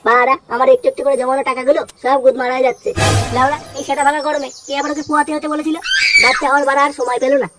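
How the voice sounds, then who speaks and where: A woman's voice: high-pitched, little pitch movement, racing, shouting, over music, natural voice. A woman voicing a harried, foul-mouthed village father in a cartoon, swearing and grumbling. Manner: crude swearing, angry grumbling. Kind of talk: cartoon voice acting. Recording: clear background noise.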